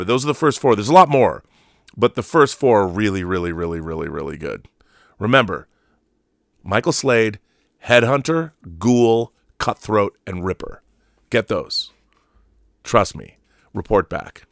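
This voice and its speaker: Speaking in a fairly low yet slightly bright voice, a fifties-aged man hosts a relaxed livestream. He reads out messages and weighs in emphatically and opinionatedly, repeating himself for emphasis. The recording is a clean studio one without room sound.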